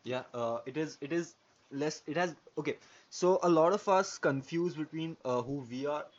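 A man's voice: on the high side, moderate pace. A man co-hosting a podcast in a casual philosophical discussion, speaking hesitantly with frequent tag words like yeah and okay. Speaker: podcast co-host. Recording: muffled lo-fi audio with background noise.

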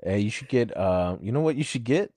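A man with a lowish voice bantering on a podcast, teasing his co-host with playful jokes. The sound is dry and close to the mic. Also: expressive, a little fast, a little mellow, dry recording. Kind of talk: casual chat.

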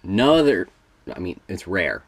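A man's voice: low-pitched, sing-song, unhurried, slightly rough, dry recording. A man co-hosting a podcast in casual chat, laughing often and picky about pronunciation. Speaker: podcast co-host.

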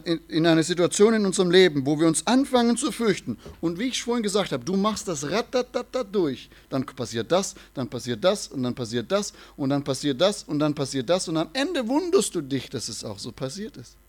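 Earnest German-speaking male preacher, slightly high voice. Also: very animated, a little fast. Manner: earnest, quotes scripture, repeats phrases for emphasis. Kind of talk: sermon.

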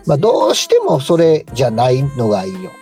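Fast, animated Kansai man explaining on radio. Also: a little high, soft background music. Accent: Kansai Japanese. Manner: polite, informal explaining. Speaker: co-host, stylist and tailor shop manager.

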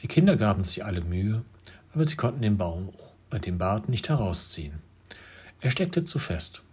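A man reading a fairy tale aloud, narrating in a lively way with occasional slips. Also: fairly low pitch, normal speed, slightly rough. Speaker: storyteller.

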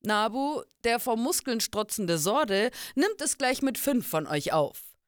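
A woman voicing a boisterous, brawny male warrior who teases loudly and boasts. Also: a little high, very animated, slow, no echo, clean studio sound, pitched above the performer's own voice. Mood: mocking. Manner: loud, boastful, teasing.

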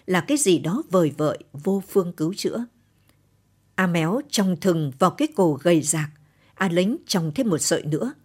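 A woman narrating a literary short story for radio in a measured, solemn reading. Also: fairly low pitch, a little mellow, slightly rough.

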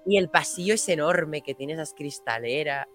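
A man's voice: a little high, animated, moderate pace. A man chatting casually in a group discussion. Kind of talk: casual group chat about a TV series. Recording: music under the voice.

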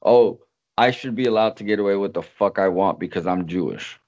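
A man's voice: lowish voice, fairly quick, darkish tone. A man co-hosting a casual podcast, explaining his points in a rambling way full of "like". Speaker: podcast co-host. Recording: dull lo-fi sound.

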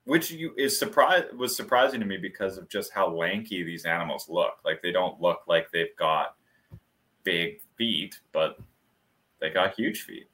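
Male co-host, low voice with a bright edge, casual and animated. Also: measured pace. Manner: animated storyteller, laughs often. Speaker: podcast co-host. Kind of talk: casual chat.

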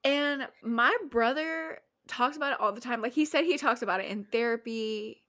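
A young woman co-hosting a casual podcast, telling stories in an animated, giggly way on a close mic. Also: a little high, normal speed. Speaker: podcast co-host. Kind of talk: casual chat.

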